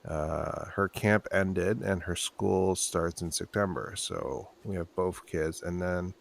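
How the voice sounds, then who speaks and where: Podcast co-host, man in his thirties, very low gravelly voice, worn out, rambling. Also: slow. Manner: rambling, restarting, trailing off. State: tired, low on sleep. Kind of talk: casual chat.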